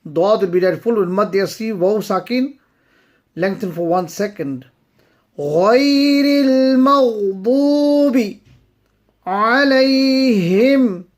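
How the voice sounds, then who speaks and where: A woman teaching recitation, chanting verses slowly and then explaining pronunciation rules in brisk spoken asides. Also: fairly low pitch, darkish tone. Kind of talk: slow tajweed lesson.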